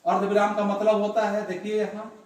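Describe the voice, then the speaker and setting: High-voiced teacher in an echoey room. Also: male voice, monotone, distant mic. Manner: slow, repetitive explaining with examples. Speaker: grammar teacher. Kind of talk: classroom lesson.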